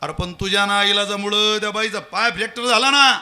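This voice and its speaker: A stern judge, voiced by a preacher, scolds in a bright, rustic tone. His delivery is quick and fatherly. It comes across as part of a told story. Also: sits high. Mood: scolding.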